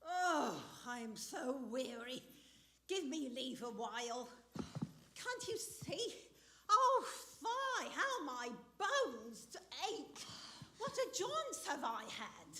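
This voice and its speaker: A woman acting a fussy, weary old female nurse on a theatre stage, groaning and complaining in drawn-out verse. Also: high-pitched, very animated, full character voice. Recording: roomy theatre stage sound.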